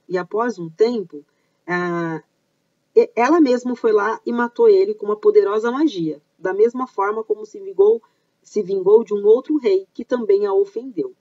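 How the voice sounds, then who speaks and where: A woman with a Brazilian Portuguese accent hosts an informal explanatory video for a pagan culture channel, chatting, pausing to explain, and correcting herself. Her mid-range voice is a little mellow. The audio is dull, with no room sound.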